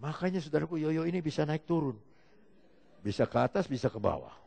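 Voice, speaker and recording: A man preaching a sermon, telling stories with lively shifts and calling out to the congregation. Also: on the high side, brisk, vocal fry. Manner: animated storytelling preacher, calls out to the congregation. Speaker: pastor. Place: church hall. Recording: long reverb of a large hall.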